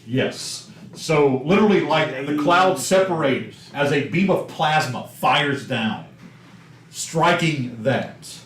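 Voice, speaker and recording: A Southern man narrating a tabletop game with a lively, swinging voice. He laughs easily and keeps the table moving. The room around him is echoey. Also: fairly high pitch, slow pace. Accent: Southern American. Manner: animated, laughs often. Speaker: game master.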